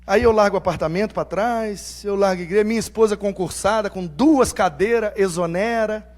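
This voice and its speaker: Middle-aged man, pastor, very high voice; lively sermon storyteller who plays every character in his anecdotes. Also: a little fast. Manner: animated, acts out quoted dialogue in voices; humorous, self-mocking.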